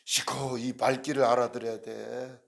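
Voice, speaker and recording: A middle-aged man preaching a sermon as a pastor, telling a story with animated quoted dialogue and sudden loud bursts. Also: medium pitch, unhurried, gravelly.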